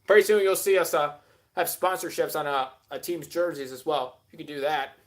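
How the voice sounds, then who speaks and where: A man's voice: fairly high pitch, normal speed. A man hosting a live stream, rambling casually and answering chat with many filler words.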